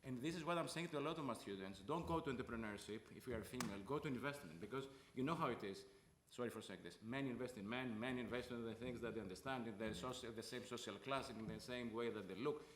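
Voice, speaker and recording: A man's voice: medium pitch, quick pace, few pauses, echoey room, slight background noise. A man from Greece speaking as a panelist, earnest and repeating points for emphasis. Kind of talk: panel discussion.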